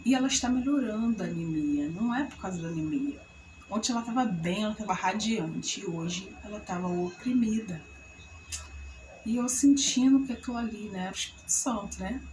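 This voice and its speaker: A woman's voice: a little hiss or hum, low-quality recording. A woman in her thirties casually telling a personal faith testimony, acting out what people said with big jumps in her voice. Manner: animated storytelling, acts out quoted voices with big pitch jumps. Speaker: vlogger sharing a testimony.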